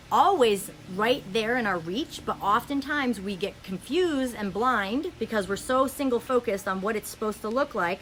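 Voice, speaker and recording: A woman hosting a podcast, speaking fast in a flowing spiritual monologue with many ums and restarts, recorded in a friend's home. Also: mid-range voice, slight background noise, rough recording. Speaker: podcast host.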